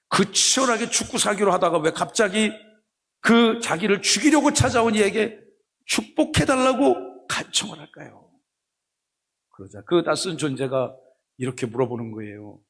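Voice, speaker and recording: Animated high-voiced pastor preaching. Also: male voice. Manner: animated storytelling, acting out characters in a folksy dialect. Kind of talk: sermon. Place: church sanctuary.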